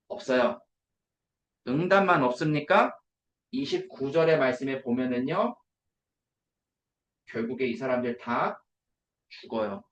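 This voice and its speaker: A man's voice: on the high side, fairly bright tone, echoey room. A man preaching a sermon at an evangelism school, emphatic, posing rhetorical questions and answering them himself.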